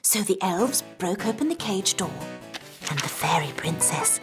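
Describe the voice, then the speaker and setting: A woman voicing a gentle fairy queen and mother in a children's cartoon, with a soft, patient storytelling manner. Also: on the low side, expressive, moderate pace, over music, natural voice. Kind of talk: animated children's cartoon voice acting.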